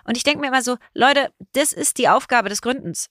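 A woman co-hosting a podcast, chatting in a quick, emphatic way. Her voice is bright and slightly high, recorded dry and close. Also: dry recording. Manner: quick, emphatic, many agreeing fillers. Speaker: podcast co-host. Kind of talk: casual chat.

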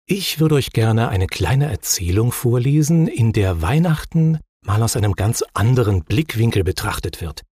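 Man reading a children's story, lively intonation, husky voice, dry sound. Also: lowish voice, no echo. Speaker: care home receptionist reading aloud.

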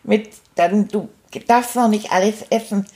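A woman's voice: mid-range voice, measured pace, darkish tone, lightly acted. A woman voicing a fussy, doting male carer who keeps asking anxious, caring questions. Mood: worried.

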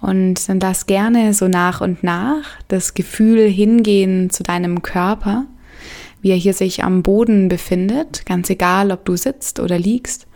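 A woman leading a guided meditation in a soft, soothing way, leaving gentle pauses between phrases. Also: mid-range voice, steady tone.

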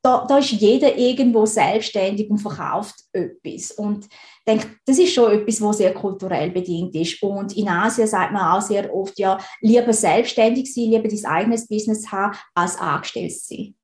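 Speaking at a normal speed in a mid-range, darkish voice, this recruiting consultant from Switzerland is in her thirties and has a Swiss German accent. She's a chatty interview guest who laughs a lot and frequently restarts as she talks casually, with a roomy echo around her.

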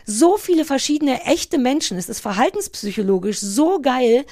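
A woman in her thirties co-hosting a podcast, with a gravelly, fry-edged voice pitched somewhat high. She chats casually and gushes with excitement, slipping English phrases into her talk. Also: moderate pace. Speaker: podcast co-host. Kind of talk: casual chat.

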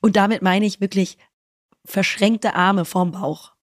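A woman co-hosting a casual chat podcast, telling stories with slang and quick asides. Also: medium pitch, dry recording, clean studio sound. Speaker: podcast co-host.

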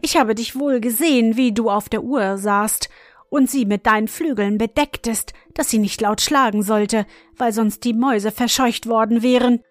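A woman's voice: fairly high pitch, normal speed, no room sound, close to an everyday voice. A woman voicing a wounded little girl in bed who reproaches her godfather, in a storybook reading. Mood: reproachful. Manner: pleading, accusing.

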